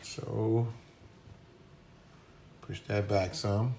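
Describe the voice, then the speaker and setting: A man's voice: on the low side, little pitch movement, very slow, noisy background. A man giving a casual, hesitant hands-on demonstration at a workbench, with many restarts and fillers, recorded on a phone camera. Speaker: product reviewer demonstrating a meter.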